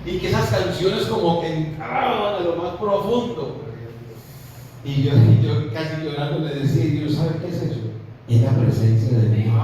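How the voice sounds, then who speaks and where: Fervent Colombian pastor in echoing hall. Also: male voice, a little high. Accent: Colombian Spanish. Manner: fervent preaching, repeated "hermano" address. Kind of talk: sermon. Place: large church hall. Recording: echoey hall, voice from far off.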